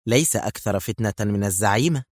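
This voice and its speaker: A man voicing a pretty young woman spy in an audiobook, speaking calmly and matter-of-factly in a lifted voice. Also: fairly low pitch, fast talker, no room sound, clean studio sound. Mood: cool, calm. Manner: calm, matter-of-fact.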